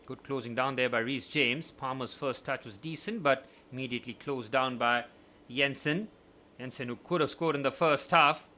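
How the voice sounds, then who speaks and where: A young man hosting a live watchalong, giving partisan match commentary that swings from glum musing to excited shouting. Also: mid-range voice, a little hiss or hum. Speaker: watchalong host.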